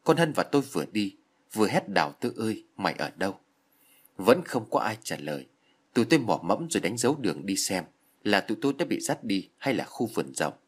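Husky male horror storyteller. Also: lowish voice, big pitch swings, fairly quick.

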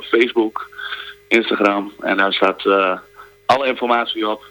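A man's voice: on the low side, fairly even intonation, moderate pace, pushed and bright, rough recording. A man, a singer, calling in to a radio show and answering the host's questions hesitantly, with many filler sounds and restarts.

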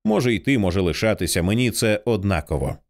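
A reader playing a steady male pilot in an audiobook thriller, giving calm, businesslike instructions in a fairly low voice. His delivery moves with lively pitch swings. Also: fast talker. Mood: firm. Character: practical male airline pilot, firm and level-headed.

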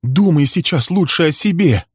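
A man voicing an anxious young woman who pleads urgently with her lover, raising his voice higher and louder. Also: expressive, normal speed, slightly rough, no room sound, clean studio sound.

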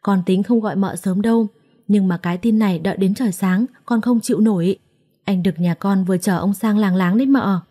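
A woman's voice: mid-range voice, a little fast, dark tone, lightly acted. A woman voicing a young female servant girl in a storybook, calling out urgently and talking in a rush of feeling. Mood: eager.

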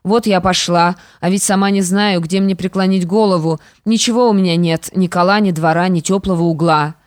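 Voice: mid-range voice, fairly even intonation, brisk, dry recording, studio quality, natural voice. An audiobook reader voicing a once-proud stepmother who now speaks bitterly and pleads. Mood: pleading, bitter.

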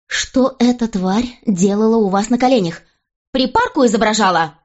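A woman reading an audiobook, voicing a furious jealous young queen who shouts in a raised, higher voice. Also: animated, normal speed, muffled recording, natural voice. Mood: raging.

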